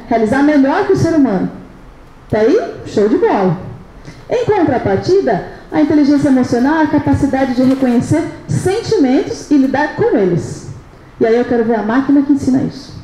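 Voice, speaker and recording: A woman with a Brazilian accent lectures an audience in a high, mellow voice. She keeps throwing rhetorical questions at the crowd and checks in with them as she goes. Her voice rings around an echoey hall with a faint hum of noise behind it. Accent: Brazilian Portuguese. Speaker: speaker at a leadership event.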